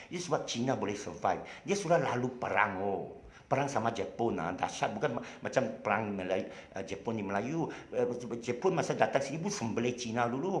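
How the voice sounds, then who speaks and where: A man with a Malaysian accent talks through history in a loose, colloquial lecture, filling pauses with "ah". His voice sits a little low. The sound is roomy and echoey. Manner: rambling, heavy on "ah" fillers, colloquial. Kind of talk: casual history talk. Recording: roomy echo.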